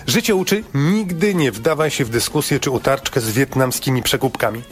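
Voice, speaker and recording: A man telling a scripted radio travel report in a lively, playful storytelling way. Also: mid-range voice, a little fast, faint music behind.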